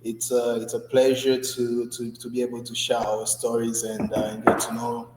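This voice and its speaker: A man's voice: mid-range voice, normal speed, over loud music. Man in his twenties from Congo, echoey room. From Democratic Republic of Congo. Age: 20s. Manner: relaxed storytelling with frequent fillers and laughs. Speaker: guest. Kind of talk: conversational interview.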